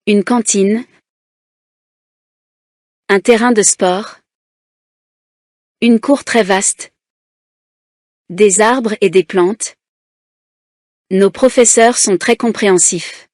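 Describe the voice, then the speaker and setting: Slow, careful woman reading a lesson. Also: medium pitch, a little mellow, dry recording, studio quality. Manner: slow, deliberate, splits words into syllables. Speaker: teacher. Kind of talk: reading a children's lesson aloud.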